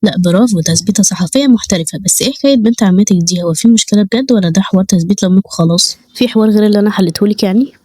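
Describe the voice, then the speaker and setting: A calm male police officer with an Egyptian accent, as a woman voices him. The voice stays husky and dry, gentle and assured. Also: mid-range voice, very fast, few pauses, no room sound, natural voice. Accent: Egyptian Arabic.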